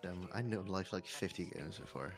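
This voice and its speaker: A tired man chatting casually on a late-night stream, blunt and swearing with loud outbursts. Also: low voice, normal speed, gravelly. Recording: music playing behind.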